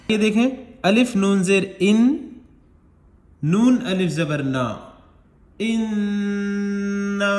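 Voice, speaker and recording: Man, recitation teacher, slow and patient, fairly high voice, echoey room. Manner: explains rules patiently, drawing out words when reciting. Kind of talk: slow step-by-step recitation lesson.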